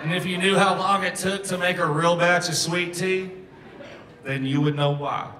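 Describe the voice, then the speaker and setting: A man's voice: sits high, fairly even intonation, moderate pace, recorded from a distance. A man with a Southern American accent, a singer-songwriter doing joking stage banter, teasing the crowd between songs at a live bar show. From Southern United States. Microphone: stage microphone. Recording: echoey live bar recording. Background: guitar and loud music.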